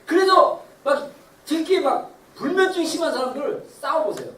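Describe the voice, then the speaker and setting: A high, animated voice preaches a Sunday sermon, often laughing and acting out voices. The sound fills a roomy sanctuary, picked up from a distance. A faint hum of ambience sits behind it. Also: normal speed. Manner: animated, acts out quoted voices. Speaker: pastor. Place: church sanctuary.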